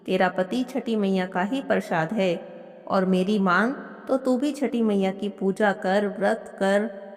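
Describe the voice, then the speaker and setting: A woman's voice: mid-range voice, slow, close to an everyday voice. A woman voicing a devout elderly mother-in-law who pleads and urges in a devotional story. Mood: coaxing. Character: pious old mother-in-law, pleading and tearful. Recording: long hall reverb.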